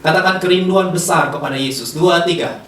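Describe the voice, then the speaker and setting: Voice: mid-range voice, a little fast, a bit bright. A pastor preaching a sermon, drawing the congregation into call-and-response and teasing them playfully with frequent laughter. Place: large hall with a congregation. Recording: roomy hall, distant mic, faint noise.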